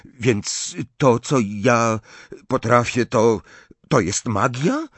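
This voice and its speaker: A man's voice: medium pitch, fairly bright tone, husky, no echo, pitched above the performer's own voice, full character voice. A man voicing a suspicious, commanding eleven-year-old orphan boy who flares into rage. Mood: eager. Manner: imperious, quick to rage, hissing when awed.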